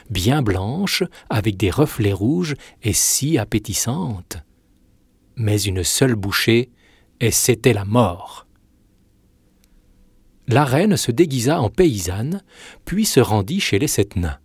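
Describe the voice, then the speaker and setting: A man narrating a fairy tale in a measured, expressive reading. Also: mid-range voice, breathy edge, dry recording, studio quality. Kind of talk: storybook narration.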